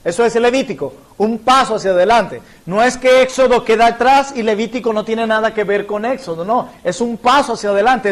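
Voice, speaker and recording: A man from Colombia, a pastor, teaching a church Bible class in an earnest, explanatory way and illustrating points with personal stories. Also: high-pitched.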